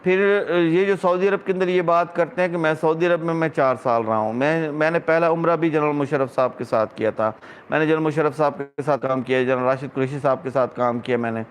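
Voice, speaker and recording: A man's voice: a little high, fairly even intonation, a little hiss or hum. A middle-aged man from Pakistan, talking in a casual vlog monologue, ranting with scorn and indignation. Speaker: vlogger.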